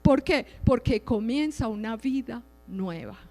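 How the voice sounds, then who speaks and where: A woman's voice: fairly high pitch, animated, measured pace, a little mellow. Middle-aged woman preaching in an echoing hall. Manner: conversational, checks in with listeners by asking "right?". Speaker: lay preacher giving testimony. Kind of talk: religious teaching with personal testimony. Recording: reverberant hall with faint music behind.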